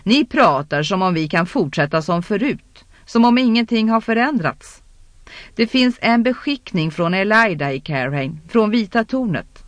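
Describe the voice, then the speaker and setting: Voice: mid-range voice, animated, voice pushed up, lightly acted. A shaken, desperate noblewoman in a fantasy audiobook, played by the narrator, pleading urgently with the others. Dry, close recording with no room echo.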